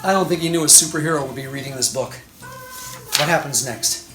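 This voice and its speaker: A woman playing Batman as a gruff, overconfident superhero reading a storybook to children. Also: fairly quick, music in the background, lightly acted, rough recording. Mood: gruff boasting. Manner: gruff, low, mock-heroic. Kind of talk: storybook read-aloud for children.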